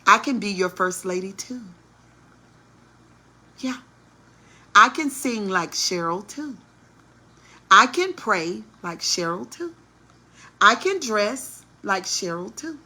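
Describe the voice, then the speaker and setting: A woman's voice: medium pitch, expressive, slow pace, long pauses, bright, forceful tone, exaggerated voice. A woman mocking a brazen, crude lustful woman. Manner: taunting and mocking.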